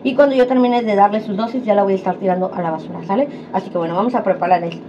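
A woman's voice: medium pitch, very fast. A woman, chatting casually to viewers in a home vlog. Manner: chatty, addresses viewers as friends. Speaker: vlogger. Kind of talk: casual vlog talk to camera. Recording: dull lo-fi sound with clear background noise.

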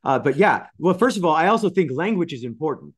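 Animated man hosting a video call interview. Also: fairly high pitch, quick pace, slightly rough. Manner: animated, expressive, excitable. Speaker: interview host. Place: home studio with colored light strips.

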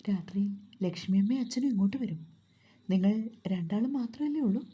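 A woman voicing a tender, protective young husband in a storybook reading, speaking gently and soothingly. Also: medium pitch, lively intonation, brisk, husky, highs cut off.

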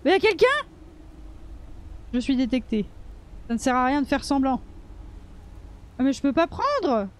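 A woman's voice: high-pitched, very animated, moderate pace, pauses often. A woman streamer giving casual, playful commentary while playing a video game, swearing freely and talking back to the characters. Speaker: gaming streamer. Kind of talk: casual let's-play commentary.

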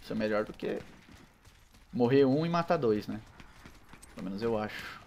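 A young man with a Brazilian Portuguese accent giving casual, slangy commentary over his own gameplay, with excitable loud outbursts. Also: lowish voice, moderate pace, a little hiss or hum. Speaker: gaming channel host.

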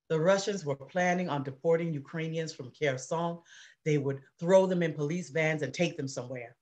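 A woman reading the part of an anxious mother recounting wartime, in an earnest, measured dramatic reading over a video call. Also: low voice, natural voice. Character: anxious middle-aged mother recounting war. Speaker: reader in a play reading.

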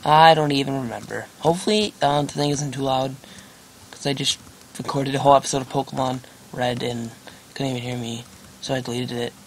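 A young gaming channel host rambles through casual gameplay commentary, cracking self-deprecating jokes and using plenty of fillers. His medium-pitched voice is gravelly and fairly even, and he speaks briskly. The noisy home recording picks up keyboard clicks and typing.

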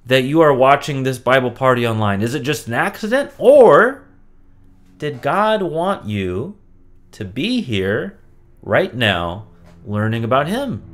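Lively, slow-speaking man teaching kids. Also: mid-range voice. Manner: expressive, storytelling delivery with rhetorical questions. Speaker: children's Bible teacher. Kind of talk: online Bible lesson for children.

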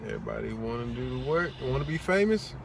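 A young man in a parked car, bantering and teasing in a relaxed way. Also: mid-range voice, fast talker, creaky, a loud crowd. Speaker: vlogger, younger brother. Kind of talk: casual chat. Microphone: phone camera on the dashboard, at a distance. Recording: distant voice with outdoor traffic noise.

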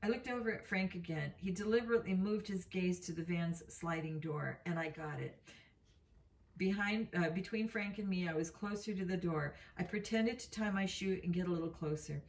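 A woman with a lowish voice reads a novel at an ordinary pace, catching and correcting her own errors along the way. The mic is set back, giving a roomy sound.

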